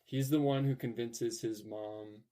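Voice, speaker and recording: Young male podcast host, mellow tone, rambling and upbeat, filler-heavy. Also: medium pitch, fairly even intonation, a little slow. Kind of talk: casual podcast chat.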